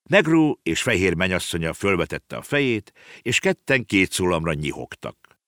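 A man reading a children's storybook aloud with expressive, animated narration. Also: deep voice, dry recording, studio quality.

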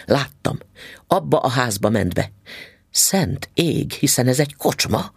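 A sharp-tongued, suspicious mother, put on by a male reader, speaks in curt, indignant bursts. Her voice is husky with a gravelly rasp. The recording is dry and close. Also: medium pitch, lively intonation, no echo. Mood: determined. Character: stern, suspicious middle-aged mother, snappish. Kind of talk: audiobook reading.

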